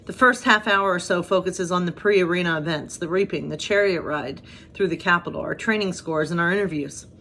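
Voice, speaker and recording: Speaking briskly with a sharp tone in a lowish voice, this woman pastor in her 30s is recorded with a little hiss or hum. She mixes casual devotional chat with reading aloud, keeping things self-deprecating and lightly funny.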